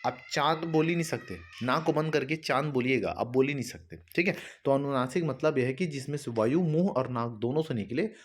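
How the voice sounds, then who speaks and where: Against slight background noise, a man from Chhattisgarh speaks fairly quickly with few pauses, his medium-pitched voice lively in intonation. Teaching exam-prep grammar, he asks questions, answers them himself, repeats explanations, and often checks in with students using fillers like "है ना".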